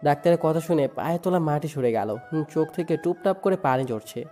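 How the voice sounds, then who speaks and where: A man's voice: a little high, fairly quick, dark tone, soft background music. A man narrating a first-person dramatic story in a sorrowful, emotive way. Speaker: narrator and lead voice.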